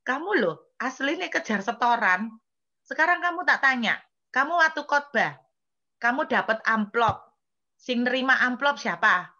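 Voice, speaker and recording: A stern, teasing God who scolds through pointed rhetorical questions, with a bright, edgy voice lifted a little higher, as a woman preacher acts him out in her sermon. The recording sounds dull and lo-fi. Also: expressive, normal speed. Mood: teasing reproach.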